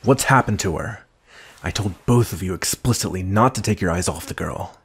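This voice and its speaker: A man voices a grumpy, cold, commanding vampire knight in an ASMR roleplay, his low voice husky and gravelly. He speaks in a stern, measured way, sounding stern and demanding.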